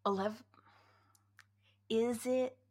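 A woman's voice: on the high side, steady tone, slow, a little mellow. A woman in her thirties co-hosting a podcast, telling stories in a casual chat and laughing often. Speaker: podcast co-host.

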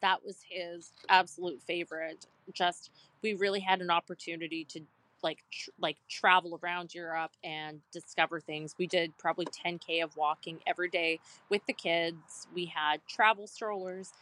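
Bright-voiced woman telling a rambling story. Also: on the low side, fairly even intonation, normal speed, no echo. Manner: rambling storyteller, heavy use of "like". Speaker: podcast co-host. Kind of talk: casual podcast chat.

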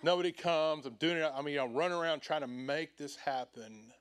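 A middle-aged man, a pastor preaching a sermon in church, animated and acting out quoted voices with swings in loudness. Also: on the high side, fairly quick, clear, resonant tone.

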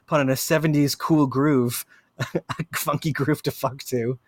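A man co-hosting a podcast in casual chat, rambling and swearing, quick to jump into loud silly voices. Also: medium pitch, steady tone, dry recording, studio quality. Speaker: podcast co-host.

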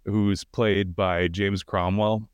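A man's voice: on the low side, little pitch movement, slow pace, no room sound. A man co-hosting a casual film podcast, talking loosely with many fillers and restarts. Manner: loose, hesitant, lots of fillers. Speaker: podcast co-host.

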